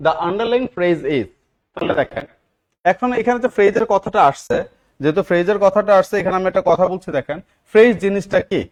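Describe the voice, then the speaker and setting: A man's voice: high voice, quick pace. A man teaching English grammar in a live online class, often asking his students questions and repeating key words. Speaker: English teacher for job exams.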